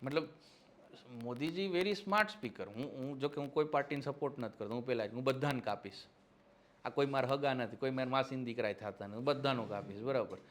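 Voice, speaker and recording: A man's voice: mid-range voice, fairly quick. A man giving a classroom lecture as an exam-prep history teacher, with teasing, mocking satirical asides, who keeps checking that his listeners agree.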